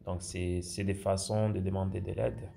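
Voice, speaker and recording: A man teaching English phrases in a screen-share lesson, speaking slowly and hesitantly with many fillers, and lifting his voice for the English examples. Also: low voice, level tone, vocal fry, warm tone, slight background noise.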